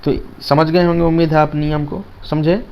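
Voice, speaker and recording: A man's voice: on the high side, flat delivery, normal speed, dark tone, clean tone, low-quality recording. A man teaching a grammar lesson in Hindi with English terms, repeating key words and asking students rhetorical questions.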